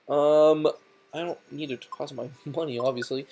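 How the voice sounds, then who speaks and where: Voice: medium pitch, fairly even intonation, normal speed, mellow. A game player giving casual, offhand commentary on a playthrough, mumbling little asides. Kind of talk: let's play commentary.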